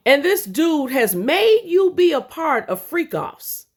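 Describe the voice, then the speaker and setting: A woman's voice: high voice, sing-song, slow pace. Fired-up, scolding woman vlogger. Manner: blunt and profane, scolding her viewers; repeats and restarts words when worked up. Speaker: commentary vlogger. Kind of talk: heated commentary rant.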